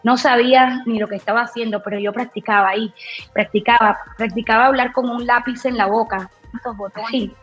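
A woman with a slightly high voice tells her story as an interview guest, bold and lively, slipping into the voices of people she quotes. The recording is roomy and a little dull and lo-fi, with faint music underneath. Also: fairly quick. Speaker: radio announcer, interview guest.

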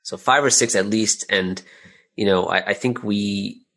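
His voice sits on the low side, a little slow, creaky and a bit bright. As an interview guest, this audio drama creator and business owner responds casually, thinking out loud and circling back over phrases.

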